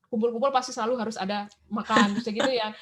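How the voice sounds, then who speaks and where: A woman's voice: on the high side, steady tone, racing. A woman from Indonesia, a guest in a casual chat, telling stories animatedly and acting out her children's voices.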